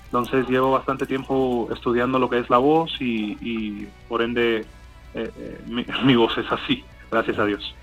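This Miami man, a native English speaker with a Cuban Spanish accent softened by Colombian, answers interview questions hesitantly, with many fillers and restarts. He talks at medium pitch in a level tone at a measured pace, a bit bright. The recording is muffled, with soft music in the background.

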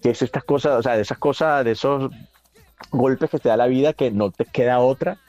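A middle-aged man from Venezuela whose accent leans toward a neutral Colombian sound. His voice is dark and mellow, and he tells stories in an animated way, full of repeats and restarts. The recording is dry and a little dull, with soft music underneath. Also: medium pitch, moderate pace, dry recording. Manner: animated storytelling, many repeats and restarts, laughs often. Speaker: actor, interview guest. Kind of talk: casual interview talk.

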